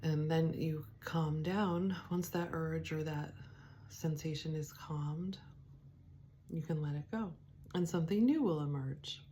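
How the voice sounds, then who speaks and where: Low-voiced woman teaching softly. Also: slight background noise. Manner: soft, unhurried, reflective with fillers and restarts. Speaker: spiritual teacher. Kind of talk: devotional teaching talk.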